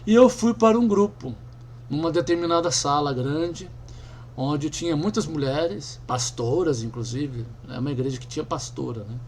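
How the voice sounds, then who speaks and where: High-voiced preacher telling a testimony. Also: male voice, normal speed, slight background noise. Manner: storytelling, acts out the people he tells of, emphatic.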